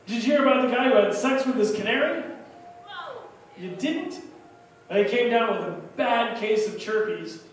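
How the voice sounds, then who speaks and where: A man's voice: extremely high pitch, normal speed, pauses often, a little hiss or hum. A man hosting an open mic in a small bar, introducing acts and telling corny jokes in a chatty, self-mocking way. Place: small bar stage, indoors. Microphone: stand mic, far camera. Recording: echoey room from far off.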